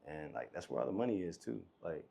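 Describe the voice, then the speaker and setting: A man's voice: very deep voice, very animated, fast talker, vocal fry, mellow, breathy edge. A young man from the US South with Nigerian roots, co-hosting a casual interview in a laid-back way. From Nigerian heritage, raised in the US South. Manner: laid-back, lots of "man" and "you feel me". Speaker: co-host.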